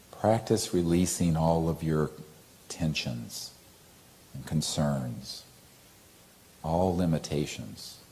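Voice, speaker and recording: A man leading a guided meditation, speaking softly and gently with long pauses and chanting a mantra in a drawn-out tone. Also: rumbling low.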